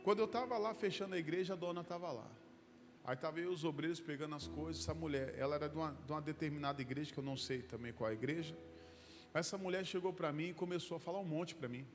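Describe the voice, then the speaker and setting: High-voiced pastor in a hall. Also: male voice, quick pace. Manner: lively anecdotal, addresses listeners as brother. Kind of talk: storytelling sermon. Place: church hall. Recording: reverberant hall with background music.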